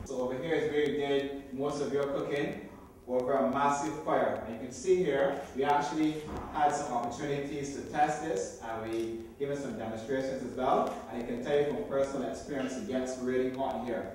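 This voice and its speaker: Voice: mid-range voice, steady tone, fairly quick, a little mellow. Echoey tour guide explaining exhibits indoors. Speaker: historic house tour guide. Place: indoors in a historic house. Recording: very echoey room, distant, faint noise.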